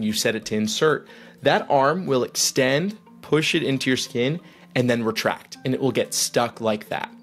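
A vlog host in his thirties explains a device with upbeat, lightly joking narration. He speaks into a boom-arm mic in a small studio room.

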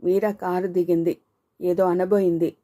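A woman narrating an audio novel in steady, measured scripted storytelling. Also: on the low side.

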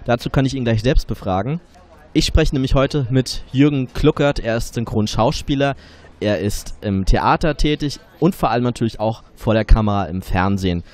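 Outside a café, a man in his twenties with a slight cold hosts a casual interview, holding a handheld reporter microphone. His mid-range voice has a darkish tone and moves at a normal speed.

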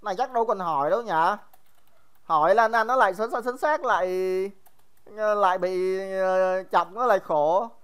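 A man's voice: high-pitched, moderate pace, a bit bright, clear, resonant tone. A young man teaching a casual livestream math review, chatty and joking, teasing his students by name and often repeating himself.

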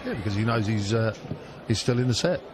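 A man's voice: fairly low pitch, animated, fairly quick. A man co-commentating on live darts with brief reactions to the play. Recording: noisy venue with loud crowd. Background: crowd and venue noise.

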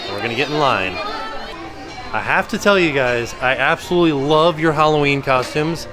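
A man's voice: a little high, normal speed, music in the background. A man around his forties with an American accent, chatting casually and upbeat as a vlogger into a handheld camera. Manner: animated, upbeat. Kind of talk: casual chatty vlog narration. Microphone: handheld camera at arm's length. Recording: busy crowd noise behind handheld camera.

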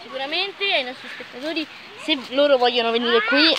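A woman's voice: high voice, fairly quick, background noise. A young woman leading a playful outdoor tour vlog, joking and hesitant, sometimes nervous. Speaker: vlogger guiding a tour. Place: outdoors by a castle in the countryside.

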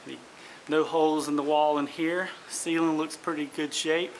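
A man's voice: fairly high pitch, level tone, moderate pace. A man giving a casual walk-through commentary inside a small empty trailer, recorded on a handheld phone. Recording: noisy handheld recording with clicks.

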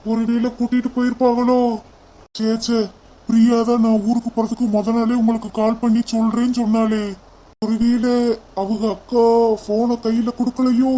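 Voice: mid-range voice, warm tone, natural voice, rough recording. A performer voicing a troubled, stubborn young son in a cartoon, brooding and irritable.

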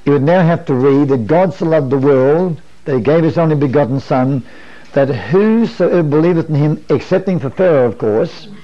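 Leading a camp meeting Bible study in a wood-paneled room, an older man with a warm, slightly high voice puts questions to his listeners and echoes back what they answer. The recording is dull, lo-fi 1980s videotape.

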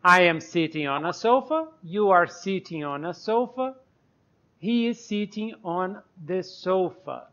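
A Brazilian English teacher co-hosting a conversational podcast lesson explains grammar step by step and spells words out letter by letter. His high-pitched, fairly bright voice has lively intonation and takes things slowly. The audio sounds like a muffled online call.

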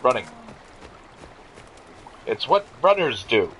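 A man putting on a pompous male newscaster voice, speaking in a mock-serious, drawn-out announcer delivery. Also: mid-range voice, sing-song, fairly bright tone, slight background noise, rough recording. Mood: mock solemn.

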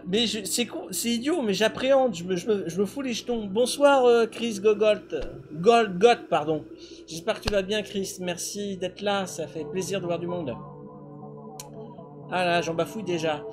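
High-voiced man streaming, music behind. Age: middle-aged. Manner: rambling, self-deprecating. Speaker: game streamer. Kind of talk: casual live-stream chat. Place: indoor home streaming setup.

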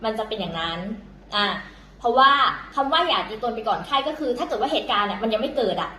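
A woman's voice: fairly high pitch, expressive, quick pace, bright, forceful tone, roomy sound, a little hiss or hum, poor audio. A woman teaching in a casual, chatty way, full of fillers and self-corrections, talking to viewers as younger siblings. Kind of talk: casual vlog-style lesson.

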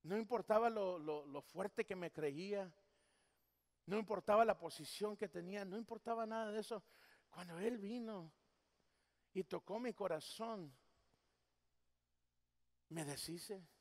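A man preaching a sermon as pastor in a church, swinging from loud emphasis to hushed tenderness. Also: sits high, moderate pace. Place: church sanctuary. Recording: long hall reverb.

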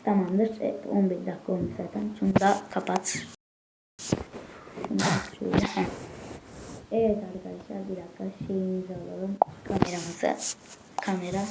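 A woman hosting a gaming channel, chatting casually to viewers from a room at home, excitable and swearing as she gets frustrated. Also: on the low side, moderate pace, gravelly, pauses often, heavy background noise. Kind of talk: casual gameplay commentary.

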